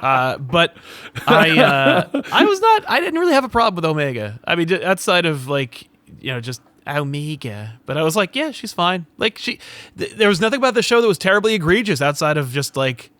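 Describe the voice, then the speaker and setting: A man's voice: a little high, big pitch swings, fairly quick, bright, forceful tone, no room sound. A man co-hosting a casual pop-culture discussion, ranting in exasperation and acting out mock quotes. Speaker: show co-host.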